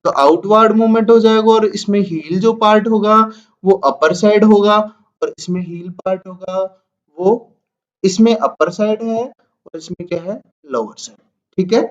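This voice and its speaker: A man's voice: high voice, a little slow, dull audio. A man teaching nursing students over slides, who repeats each point and asks and answers his own questions.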